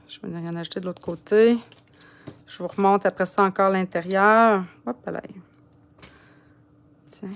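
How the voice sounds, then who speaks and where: A woman with a Quebec French accent giving a casual crafting tutorial, chatting and muttering to herself as she works. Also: mid-range voice. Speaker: papercraft demonstrator.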